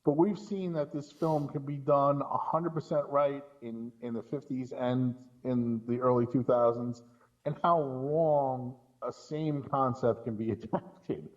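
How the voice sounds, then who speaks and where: This man, a film commentator appearing as a podcast guest, talks about movies in a relaxed, casual way. His pitch is medium, his tone steady and his pace measured, though he comes across as incredulous and emphatic, frequently doubling up words for emphasis. The top end of the audio is cut off.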